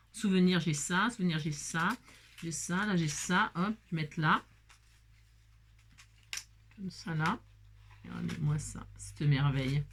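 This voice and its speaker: A woman's voice: fairly low pitch, a little hiss or hum. A woman vlogging a craft project, chatting casually to viewers as she works and exclaiming over every little detail. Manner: chatty, talks to viewers while working. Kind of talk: casual crafting tutorial chat.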